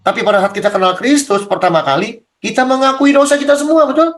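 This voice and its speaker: A man's voice: very high voice, quick pace. A man as a pastor leading a Bible study, talking bluntly and casually, firing rhetorical questions at his listeners.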